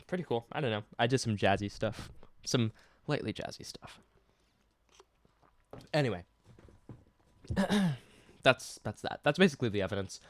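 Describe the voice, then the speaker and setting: A man's voice: fairly low pitch, normal speed, long pauses. Rambling man breaking down his songs. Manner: rambling, self-interrupting, laughs at himself; stops and restarts to play keyboard and guitar. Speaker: singer-songwriter. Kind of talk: casual song breakdown.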